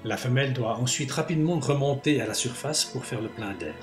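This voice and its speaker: A man narrating a nature documentary, explaining things in an unhurried way and speaking directly to the listener. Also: medium pitch. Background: music.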